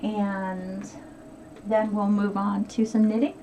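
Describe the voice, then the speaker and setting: A woman's voice: medium pitch, flat delivery, takes it slowly, dark tone, distant mic. An older woman talks through her finished crafts in a loose, chatty show-and-tell, often laughing at herself. She sits a little back from the mic, and faint noise hums underneath. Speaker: crafting vlogger. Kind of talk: casual show-and-tell chat.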